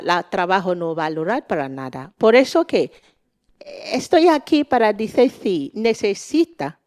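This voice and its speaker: A woman with a Nigerian accent addresses a panel informally as a non-native Spanish speaker. Her delivery is unhurried and halting as she searches for words, while her voice stays smooth and clean. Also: on the low side, darkish tone. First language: not Spanish.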